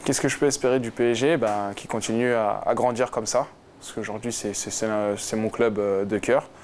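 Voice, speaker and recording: A twenty-something football player, interviewed as a guest, has a fairly low, darkish voice with fairly even intonation, a moderate pace and a little hiss or hum. He replies casually and hesitantly, filling pauses and restarting often.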